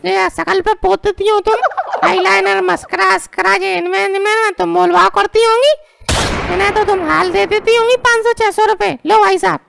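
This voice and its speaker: A woman's voice: extremely high pitch, fairly even intonation, moderate pace, full character voice. A woman voicing a grumpy, sarcastic male shopkeeper in a cartoon comedy, recorded with noticeable noise. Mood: sneering. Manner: sneering, gruff, sarcastic.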